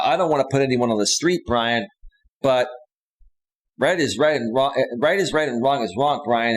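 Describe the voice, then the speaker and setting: A man with a medium-pitched voice hosts a live stream, captured on a rough recording. His monologue is casual and off the cuff, full of slang, repetition, and insistent direct address to viewers.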